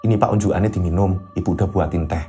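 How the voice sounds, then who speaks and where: Gentle wife with a Javanese accent, speaking low and hushed to calm her husband, as a male storyteller puts her on. Faint music plays under the reading, and the voice drops well below the narrator's usual pitch. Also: fast talker, close to an everyday voice. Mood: soothing. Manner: soft, calming, low and quiet. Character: gentle soothing wife of a teacher.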